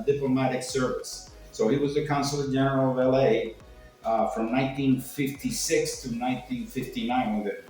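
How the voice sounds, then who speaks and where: Heard through heavy echo, an older Cuban man with a darkish, medium-pitched voice rambles through casual personal anecdotes. He's salty and acts out quoted remarks. A faraway mic and faint background music round out the recording.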